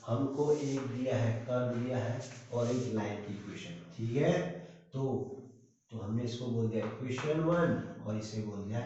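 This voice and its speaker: A man's voice: medium pitch, mellow, slight background noise. A man teaching a maths lesson, who keeps asking rhetorical questions and repeating that his students should pay attention. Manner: asks rhetorical questions, repeats "dhyan dena"; slow, drawn-out explaining. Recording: echoey room, distant dull mic.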